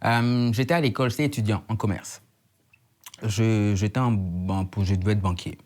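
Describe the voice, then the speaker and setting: A man in his thirties from Côte d'Ivoire speaks in a fairly low voice. He talks reflectively as an interview guest. He circles back to the same words for emphasis, like lines of a poem. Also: fairly even intonation, moderate pace, a little mellow. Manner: reflective, repeats phrases for emphasis. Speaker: slam poet guest. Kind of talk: casual interview chat.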